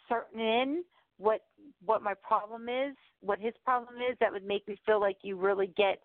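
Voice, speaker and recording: A woman's voice: on the high side, no room sound. Urgent woman caller on a phone line. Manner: direct and urgent, with stumbles and restarts. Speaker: radio show caller. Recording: tinny dry phone line.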